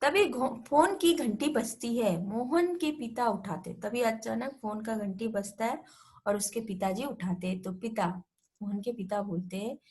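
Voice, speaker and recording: A woman's voice: a little high, a little slow, a little mellow. A woman teacher who reads a passage from a textbook story aloud, then retells it in simpler words, putting on small voices for the family. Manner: acts out the family's lines in slightly changed voices. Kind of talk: reading and explaining a textbook lesson.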